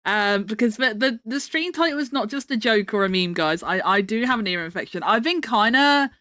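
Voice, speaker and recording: A woman's voice: a little high, animated, fairly quick, pushed and bright, no echo, clean studio sound. A British woman chatting casually on a livestream in a cute, playful, rambling way. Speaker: livestream host.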